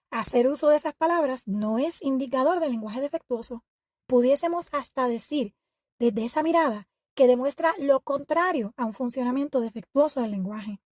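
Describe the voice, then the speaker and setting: A woman hosting an educational podcast, reading a scripted narration in a measured, reflective and explanatory way. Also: sits high, darkish tone, no echo, clean studio sound. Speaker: podcast host.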